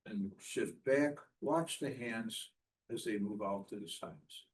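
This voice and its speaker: A man's voice: on the low side, a little hiss or hum, low-quality recording. Man leading a step-by-step qigong class. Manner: measured, step-by-step cueing. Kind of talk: guided movement instruction in short, spaced phrases.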